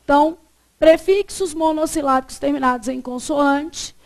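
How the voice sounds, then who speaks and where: Teaching grammar to a class, a Brazilian-accented woman asks the students to supply missing words, then repeats what they say back. Her voice is high-pitched and her pace moderate.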